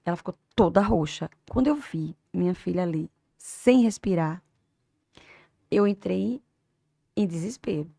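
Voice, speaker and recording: Woman in her 50s, very gravelly voice, dry close sound, emotional story told with big swings in loudness. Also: on the low side, a little slow, pauses often, dry recording. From Brazil. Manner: animated storytelling, swings from hushed to loud. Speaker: guest, teacher and doctor. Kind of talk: emotional personal story in an interview.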